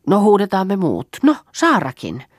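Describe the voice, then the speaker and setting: A woman voicing a frightened farm girl lost in the forest at night, calling out loudly to urge the others on. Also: mid-range voice, wildly swooping pitch, husky, dry recording, studio quality, voice pushed up. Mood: urging. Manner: calls out loudly, urging the others on.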